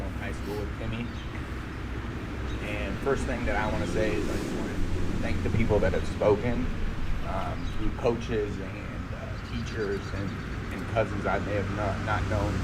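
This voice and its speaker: A man's fairly low voice comes through heavy outdoor ambience and vehicle noise. He has an American accent and gives a short, informal eulogy, plain-spoken and a little halting. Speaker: school friend giving a memorial tribute. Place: outdoors at a graveside service.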